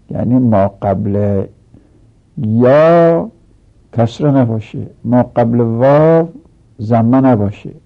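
A man's voice: mid-range voice, creaky, warm tone. A man teaching a grammar lesson from a textbook, explaining each rule step by step with repeated examples. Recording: dull lo-fi recording.

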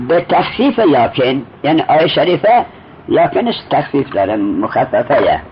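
A man's voice: a little high, big pitch swings, slight background noise. A man teaching a traditional Arabic grammar lesson, explaining step by step and quizzing his student as he goes. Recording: muffled lo-fi recording.

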